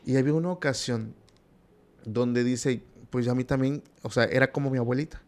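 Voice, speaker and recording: A man's voice: mid-range voice, normal speed. A man, a podcast guest retelling a horror story in a conversational way with many asides.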